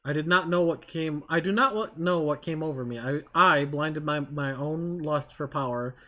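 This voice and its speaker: A man's voice: fairly high pitch, normal speed, sharp tone. Man playing a solemn, remorseful old mage. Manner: grave, formal archaic confession. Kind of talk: reading game dialogue aloud in character.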